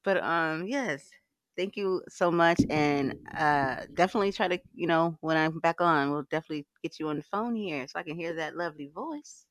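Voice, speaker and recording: A woman's voice: deep voice, normal speed, no room sound. A woman hosting a casual live audio chat, frank and swearing freely, laughing often. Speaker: livecast host.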